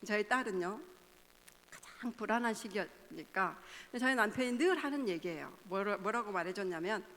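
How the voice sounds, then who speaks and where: A woman in her fifties, a pastor's wife, giving a parenting seminar at church. She speaks in an animated way, often acting out the lines she quotes and laughing as she talks. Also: mid-range voice, moderate pace. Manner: animated, acts out quoted dialogue. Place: church hall. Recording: long hall reverb.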